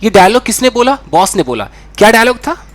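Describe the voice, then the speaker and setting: A young man teaching a spoken English lesson in an animated way, acting out the dialogue he explains. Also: high-pitched, brisk. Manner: animated, acts out quoted dialogue.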